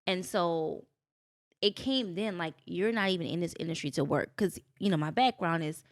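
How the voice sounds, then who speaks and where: A woman chatting as a podcast guest, recounting her own story with energy. She talks casually, and her voice leaps upward whenever she acts out what others said. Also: moderate pace. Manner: animated storytelling, jumps into high voices for quotes.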